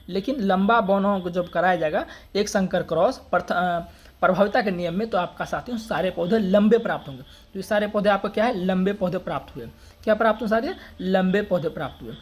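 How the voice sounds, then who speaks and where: A man teaching an exam-prep science lesson in a steady, drilling way. He asks a question, answers it himself and then repeats the key term for emphasis. Dialect words come through in his Hindi. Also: high voice, breathy edge. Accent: Hindi dialect words (बड़का, छोटका).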